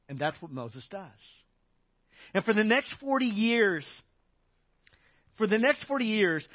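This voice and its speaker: A male pastor tells his sermon like a story, chatty and anecdotal, pushing up into louder emphatic stretches. His voice sits a little high for a man. The audio is dull and lo-fi, with a dry, close sound. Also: no room sound. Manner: conversational, anecdotal, with fillers; builds to louder, higher emphatic passages.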